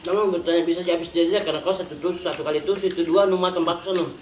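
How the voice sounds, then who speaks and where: Fast-talking casual chatter in an echoey room. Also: mid-range voice, steady tone. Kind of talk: casual chat while eating, mukbang. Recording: roomy echo, faint noise and clicks.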